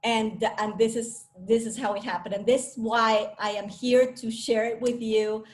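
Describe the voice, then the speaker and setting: Woman from Venezuela, fifties, coach addressing a room, upbeat and sure of herself, somewhat high voice. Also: steady tone, moderate pace. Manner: enthusiastic, self-assured, chatty with restarts. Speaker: speaker and coach. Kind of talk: talk to a live audience.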